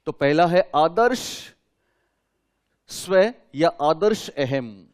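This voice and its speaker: A man's voice: on the high side, animated, extremely slow. A man lecturing a class, asking his students questions and repeating key terms for them to write down. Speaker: teacher.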